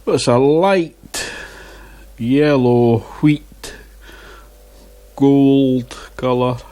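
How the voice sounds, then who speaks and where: In a casual vlog, a man reviews beer, chatting and muttering asides to himself through a wireless lapel mic. His mid-range voice is dark in tone and very slow.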